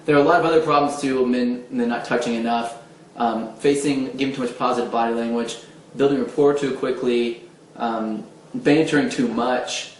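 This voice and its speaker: A man's voice: medium pitch, steady tone, moderate pace, a little hiss or hum. A man giving dating advice in a casual instructional talk, explaining step by step and acting out gestures as he goes. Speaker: dating coach. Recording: roomy echo, faint background ambience.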